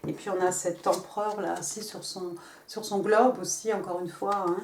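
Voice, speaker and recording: A woman's voice: medium pitch, steady tone, normal speed, a little mellow. Chatty female tarot reader who stumbles and repeats herself, recorded from a distance in a roomy space with faint noise. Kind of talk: casual tarot reading.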